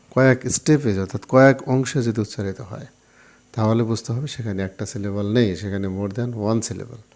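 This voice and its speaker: Male teacher, slightly low voice, quizzes himself then answers, calm classroom explaining. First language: Bengali. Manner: explains step by step, repeats key terms, asks and answers his own questions. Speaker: English teacher. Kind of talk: classroom grammar lesson to viewers.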